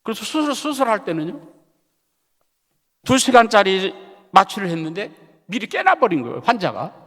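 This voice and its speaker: A man's voice: sits high, moderate pace. Male pastor preaching in a reverberant church. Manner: animated storytelling, often checks in with the congregation. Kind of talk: Sunday sermon with a told story. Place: church sanctuary. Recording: long church hall reverb.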